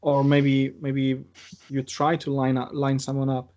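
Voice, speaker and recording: A man hosting an interview, asking hesitant, halting questions. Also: medium pitch, completely flat delivery, a little mellow, lo-fi sound. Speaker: interviewer host. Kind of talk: casual interview chat.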